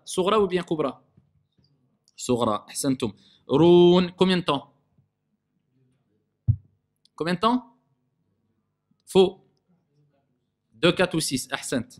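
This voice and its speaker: A man teaching Quran recitation rules in a classroom. He demonstrates sounds slowly and quizzes his students. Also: sits high. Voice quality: nasal in recitation. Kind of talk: classroom tajwid lesson.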